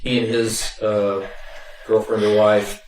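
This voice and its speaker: Even-toned man questioning in echoey courtroom. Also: on the low side, slow, slight background noise. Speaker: lawyer questioning a witness. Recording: echoey, distant courtroom microphone.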